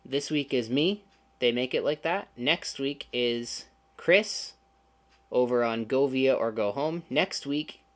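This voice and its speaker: Male livestream host, mid-pitched, casual and joking, with dry sarcastic asides. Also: takes it slowly. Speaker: channel host.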